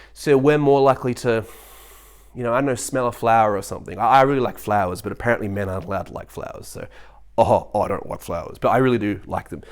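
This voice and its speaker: Animated, rambling young-sounding man. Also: mid-range voice. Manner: animated, quick-talking, many restarts; mock voices when quoting others. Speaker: vlogger. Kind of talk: rambling monologue.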